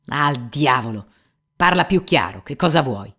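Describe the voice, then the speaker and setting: A woman reading an audiobook voices a proud, irritable young gentleman who speaks in curt, sharp outbursts. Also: rumbling low, moderate pace. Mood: irritated.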